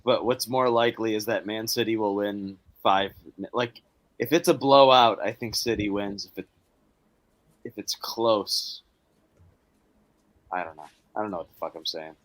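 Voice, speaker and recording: A man's voice: on the low side, moderate pace, pauses often, dry recording. A man co-hosting a casual football chat who thinks aloud, trails off and corrects himself. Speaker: podcast co-host.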